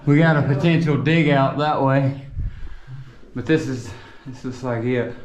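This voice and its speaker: A man's voice: medium pitch, a little slow, highs cut off, slight background noise. A man chatting casually as he guides others through a cave. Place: inside a cave. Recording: echoey cave, background chatter. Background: other cavers talking.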